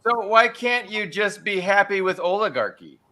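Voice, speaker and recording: A man's voice: sits high, very animated, normal speed, pushed and bright. A man hosting a podcast, putting questions to his guest with wry jokey asides. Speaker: host. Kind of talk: casual podcast talk.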